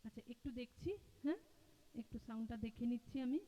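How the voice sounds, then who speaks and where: A woman's voice: fairly high pitch, quick pace, highs cut off. A woman hosting a casual live stream, chatting and checking viewers' comments about the sound. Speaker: live stream host and singer. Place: home room with speaker box. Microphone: mic and speaker box in front of camera.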